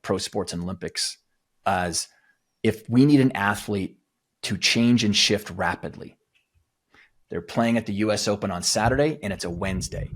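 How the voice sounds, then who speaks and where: A man speaks as a podcast guest, explaining mindset ideas in an emphatic, coaching way. His voice is fairly low and noticeably husky, with a breathy edge. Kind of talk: conversational podcast interview.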